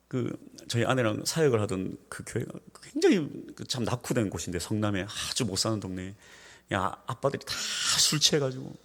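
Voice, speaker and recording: A man's voice: medium pitch, vocal fry, long reverb tail. A man pastor from the Gyeongsang region preaching a sermon in a church, telling stories animatedly and acting out voices. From Gyeongsang region, Korea. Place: church sanctuary.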